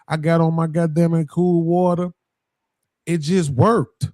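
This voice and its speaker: A man's voice: on the high side, little pitch movement, slow, mellow, no echo, clean studio sound. A man hosting a podcast in casual chat, profane and rambling, laughing often. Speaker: podcast host.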